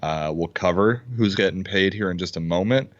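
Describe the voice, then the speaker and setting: A man co-hosting a casual fantasy football podcast over a video call, talking excitedly and pounding the table. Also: low voice, normal speed, dry recording. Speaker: podcast co-host. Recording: dull, dry lo-fi sound.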